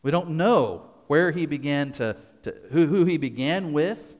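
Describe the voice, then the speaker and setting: A man preaching a sermon as a pastor, deliberate and emphatic, repeating key words and pausing for effect. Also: on the high side, lively intonation, long reverb tail.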